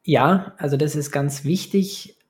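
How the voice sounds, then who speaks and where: A man's voice: a little high, unhurried. A man in his forties from Munich answering as a podcast guest in casual talk, hesitant and repeating words as he searches for phrasing. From Munich, Germany. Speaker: podcast guest, business consultant and coach.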